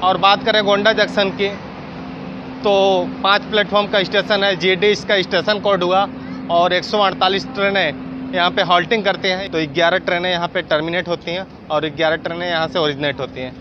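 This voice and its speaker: Outdoors on railway platforms and by a moving train door, a man in his thirties films himself with a phone at arm's length, narrating station facts in an upbeat, guide-like way. He speaks high, fairly evenly, and a little fast. The sound is lo-fi with a noisy background.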